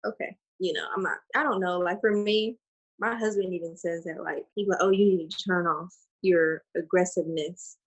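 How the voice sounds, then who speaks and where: A woman's voice: fairly low pitch, fairly even intonation, moderate pace, breathy edge, highs cut off. A woman in casual podcast chat, telling stories bluntly and with animation. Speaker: podcast co-host.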